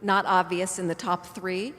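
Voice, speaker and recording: A woman's voice: lowish voice, steady tone, a little slow, a bit bright. A woman in the audience posing a question after a conference talk, phrasing it tentatively as she searches for words. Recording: lecture hall reverb.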